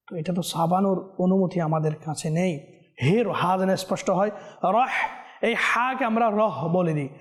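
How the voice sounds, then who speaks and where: A man teaching Quran recitation on a television lesson, chanting verses slowly and melodically, then explaining corrections earnestly and repeating them for viewers. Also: sits high. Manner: drawn-out melodic recitation between quick explanations.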